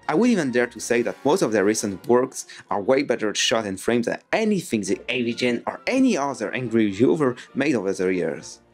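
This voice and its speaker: A French YouTube reviewer with a French accent delivers a scripted video essay from a home room lined with bookshelves. His pitch is lively and his delivery sarcastic and animated.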